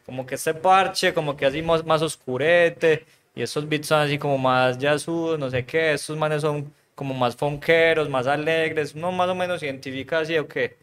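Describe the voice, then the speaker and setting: A man from Medellín with a paisa accent, hosting a casual interview in a relaxed, chatty manner. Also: on the high side, moderate pace, few pauses, smooth. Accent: Medellín Colombian (paisa). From Medellín, Colombia. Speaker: host.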